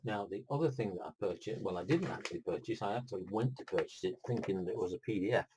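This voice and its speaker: A man's voice: fairly low pitch, fast talker, noisy background. A middle-aged man, unboxing a board game in a rambling, chatty vlog full of asides. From United Kingdom.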